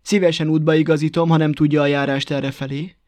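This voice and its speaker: A man's voice: a little high, level tone, darkish tone, no echo, close to an everyday voice. Man voicing a prim, touchy hare. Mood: polite. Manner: stiffly polite, then scolding. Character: prim, touchy male hare, quick to anger.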